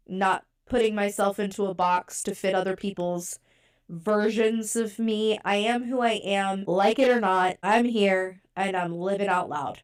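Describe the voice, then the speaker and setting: A woman co-hosting a casual podcast, born in Europe and raised in the United States, talks in a chatty, candid, self-deprecating way. Her voice is smooth and medium-pitched.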